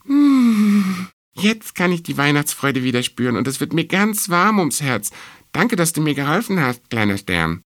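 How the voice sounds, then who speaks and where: A man's voice: on the high side, big pitch swings, a little slow, a bit bright, dry recording, studio quality, voice pushed up. A man voicing a tiny, eager mouse in a storybook reading, with a raised, sweet voice.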